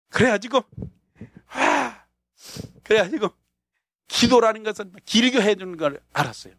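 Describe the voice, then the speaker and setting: A man from North Korea with a North Korean accent, a pastor and missionary telling a story in a sermon, acting out the scenes with bursts of shouting and laughter. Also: high-pitched, wildly swooping pitch, normal speed, gravelly, slightly rough, dry recording, studio quality.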